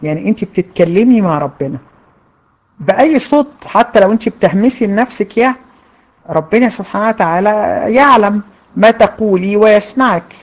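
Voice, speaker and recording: A woman's voice: medium pitch, animated, a little fast, poor audio. A woman with an Egyptian Arabic accent, a religion teacher, reads out students' questions and answers them in a casual, conversational way. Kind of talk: casual Q&A lesson.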